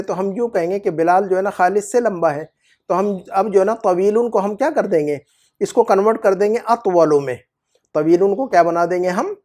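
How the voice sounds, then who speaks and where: A patient teacher walks through a grammar lesson at a mid-range pitch, neither high nor low. The teacher leans on the same filler phrases, keeps checking "okay?", and slows right down to sound out each Arabic example. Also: darkish tone. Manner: frequent filler "jo hai na" and "theek hai?" checks; says Arabic examples slowly and deliberately.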